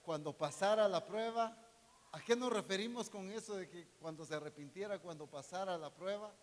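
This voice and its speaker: A male pastor preaching a sermon, asking the congregation questions and reading verses, swinging between loud emphasis and soft, slow phrases. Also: high voice. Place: church sanctuary. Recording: long hall reverb.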